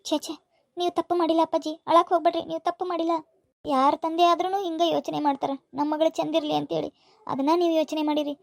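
A woman voicing a quick, earnest cartoon daughter. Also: extremely high pitch, level tone, vocal fry, dry recording. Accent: North Karnataka Kannada. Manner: earnest, reassuring, explanatory. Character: dutiful grown daughter, earnest and soothing.

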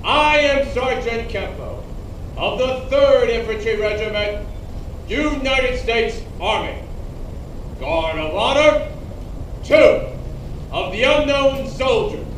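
A man, an army sergeant, giving a formal, commanding ceremony announcement through loudspeakers. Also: extremely high pitch, expressive, slight background noise. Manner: loud, measured, commanding. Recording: echoey public address from far off.

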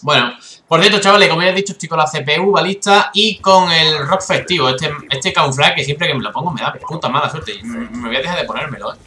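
A man with a Spain Spanish accent giving excitable, swearing live commentary over his own gameplay, with bursts of frustration. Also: a little high, quick pace, reverberant, slight background noise. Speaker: gaming YouTuber.

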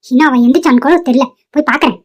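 A sharp, scolding cartoon mother, voiced by a woman, high-pitched and fast. She nags her son and snaps at her husband with little patience. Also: highs cut off. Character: irritated middle-aged town mother nagging her son.

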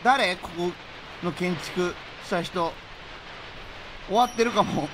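A man streaming a horror game, reacting with excitable, jumpy outbursts and rapid joking asides. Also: high-pitched, background noise. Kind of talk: live horror game commentary.

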